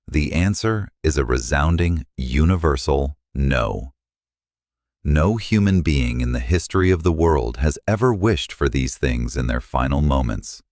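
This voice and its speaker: A man with an extremely deep, low voice narrates a script in a solemn, contemplative way. The sound is close and completely dry, with no room around it. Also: darkish tone, no room sound.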